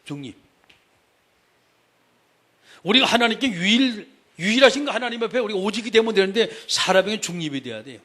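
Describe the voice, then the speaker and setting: A man's voice: sits high, expressive, fairly quick, long pauses, sharp tone. A male pastor preaching a sermon in a conversational way, speaking straight to the congregation and repeating his key phrases for emphasis.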